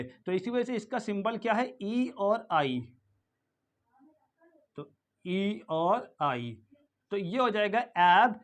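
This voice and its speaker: A man with an Indian accent teaching English pronunciation, who asks his own questions, answers them and repeats each word again and again. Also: sits high. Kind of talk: classroom-style lesson.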